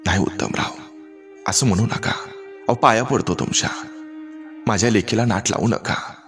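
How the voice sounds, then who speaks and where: A man voicing a humble, pleading village father with a rural Marathi accent, speaking softly and tearfully. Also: fairly low pitch, normal speed, music in the background, close to an everyday voice. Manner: soft, begging and tearful.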